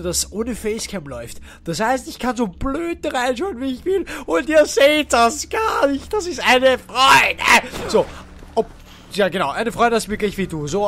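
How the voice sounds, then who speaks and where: A let's play host with an Austrian German accent gives excitable, joking gameplay commentary, swearing and yelping in fright at the action. His voice is high, with slight background noise.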